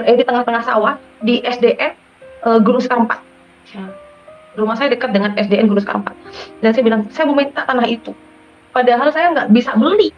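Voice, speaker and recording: A middle-aged woman with a Madurese accent tells her life story as a personal testimony, in an emotional way. Her voice sits high and carries a gravelly fry. The recording is dull and lo-fi, with faint music in the background. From Madura, Indonesia. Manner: emotional, addresses listeners as "Saudara". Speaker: testimony giver.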